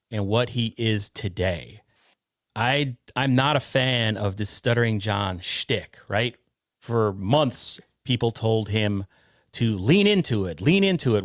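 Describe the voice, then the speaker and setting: A man's voice: lowish voice, no echo, studio quality. A man hosting a podcast, talking casually and with strong opinions, often restarting his sentences. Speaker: podcast host.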